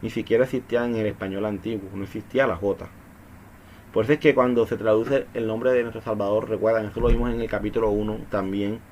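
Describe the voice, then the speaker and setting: A man's voice: fairly low pitch, darkish tone, slight background noise. Man teaching a Bible study, lo-fi. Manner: repetitive, explanatory, asks rhetorical questions.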